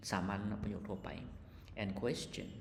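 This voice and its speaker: A man with a Lao accent teaching an English lesson, explaining words slowly and spelling them out letter by letter. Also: lowish voice, steady tone, slight background noise. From Laos. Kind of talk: casual lesson walkthrough. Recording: echoey room with long reverb.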